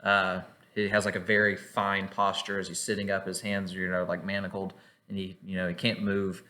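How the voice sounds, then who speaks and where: A man narrating a tabletop game as game master. He rambles through his descriptions with plenty of "like"s and "uh"s. His voice sits a little low but sounds bright and forward. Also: completely flat delivery, a little fast. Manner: rambling, full of "like" and "uh".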